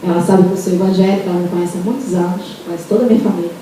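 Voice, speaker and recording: A Brazilian woman giving a testimony at a church service, telling her story with animated acted-out dialogue and calling her listeners "amados". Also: fairly low pitch, rapid-fire, slight background noise. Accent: Brazilian Portuguese. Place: church hall. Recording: very echoey hall, taped from far off.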